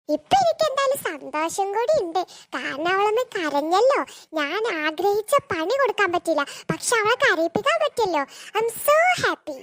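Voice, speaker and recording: A woman voicing a scheming, mischievous young girl in a cartoon, who plots out loud and wails and whines. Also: very high-pitched, dry recording. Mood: gloating.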